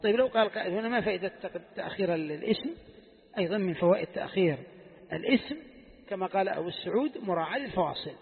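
A man's voice: high voice, lively intonation, rapid-fire, gravelly. A man teaching a class as a sheikh, asking his students questions and repeating key phrases. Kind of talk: classical text lesson. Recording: echoey hall, tinny phone-like sound.

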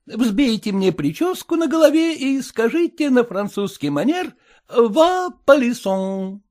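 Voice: medium pitch, very animated, a little slow, a little mellow. A reader voicing a newly married husband who coaxes and nags his wife in folksy, old-fashioned speech. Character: newly married merchant husband, pushy and coarse.

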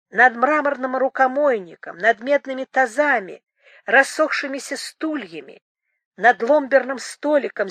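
A woman narrates literary prose in a measured, expressive way. Her voice sits a little high and sounds bright and clear. The recording is dry and close, with no room sound. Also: dry recording. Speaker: audiobook reader.

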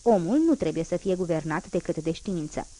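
A woman's voice: fairly low pitch, expressive, warm tone. A woman voicing a fierce, unyielding old male revolutionary in an audiobook, speaking in firm, emphatic declarations.

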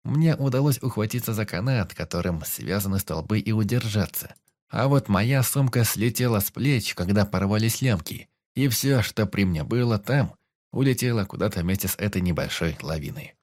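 A man reads a first-person fantasy audiobook in a lowish voice. His delivery is dramatic, and he voices each character himself. The recording is dry and close, with no room sound. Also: expressive, normal speed, darkish tone, dry recording. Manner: dramatic reading, voicing all the characters. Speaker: audiobook narrator.

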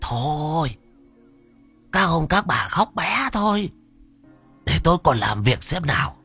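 A man voicing a bossy, gruff old male village shaman who barks orders and scolds. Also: a little high, big pitch swings, takes it slowly, pushed and bright, soft background music, pitched above the performer's own voice, heavily acted. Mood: scolding. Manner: barking, scolding, urgent.

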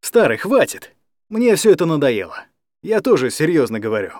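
A blunt young tough, as a male narrator plays him, curt and scornful. The delivery is animated and somewhat high, and the sound is dry and close. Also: normal speed, no room sound.

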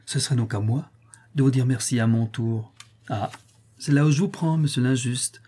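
Lively teasing young woman, raised and bright, put on by a male reader with a husky tone. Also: medium pitch, close to an everyday voice. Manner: playful, scolding, bright and quick.

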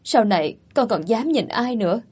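A woman's voice: fairly high pitch, expressive, moderate pace, darkish tone, breathy edge. A woman voicing a cunning young woman who pleads and sobs to look pitiful. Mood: pleading. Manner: pleading, tearful. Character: young woman, sly, plays the pitiful victim.

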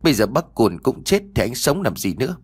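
A man's voice: medium pitch, big pitch swings, a little fast, slightly rough, voice pushed up. A man voicing an injured, grief-stricken young husband in an audio story, distraught and self-blaming.

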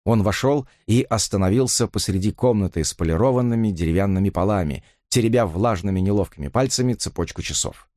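A man narrating an audiobook in an expressive, measured reading. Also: fairly low pitch, no room sound, studio quality.

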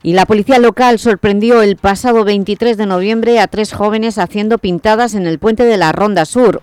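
A man reading a local radio news bulletin in a steady, measured way. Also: high-pitched, smooth, no room sound.

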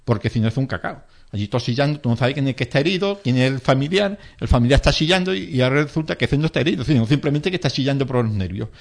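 A man's voice: medium pitch, animated, racing, gravelly, few pauses. Male instructor type, emphatic and repetitive, explains first aid plainly. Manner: emphatic, repetitive, acts out panicked bystanders in quotes. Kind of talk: explanatory interview talk.

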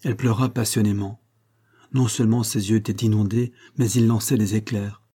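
A male narrator reads a classic novel in a measured, literary way. His voice is low and dark, with a slight huskiness to it. The delivery stays even and steady throughout. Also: slightly rough. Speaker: audiobook reader.

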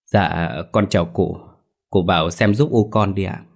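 A man voicing a panicked middle-aged village woman in a ghost story, shrieking and begging in a raised high voice. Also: fairly even intonation, unhurried, vocal fry, exaggerated voice. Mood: grudging.

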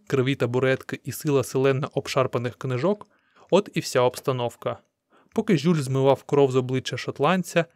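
A man narrating an audiobook in a steady, measured reading. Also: mid-range voice, no room sound, clean studio sound. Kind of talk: scripted narration.

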